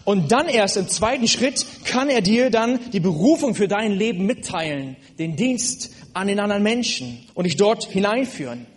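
High-voiced man preaching earnestly. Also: animated, normal speed, few pauses. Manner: earnest, direct address to listener. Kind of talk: sermon.

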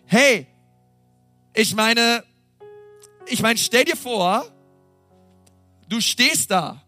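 A middle-aged man preaching a sermon as pastor, energetic and exclamatory, constantly addressing his listeners directly. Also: very high-pitched, drawn-out words, soft background music.

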